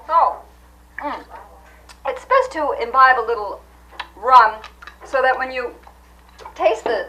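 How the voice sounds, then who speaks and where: A woman hosting a comedy cooking segment, explaining absurd claims in an earnest, deadpan way. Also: on the high side, slight background noise, low-quality recording. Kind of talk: deadpan mock cooking demonstration.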